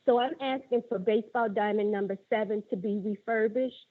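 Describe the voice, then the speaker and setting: A woman's voice: medium pitch, fairly even intonation, a little fast. A middle-aged woman calling in by phone to a public forum, earnestly working through her prepared points one by one. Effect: tinny phone line. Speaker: caller at a public budget forum. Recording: narrow phone-line audio.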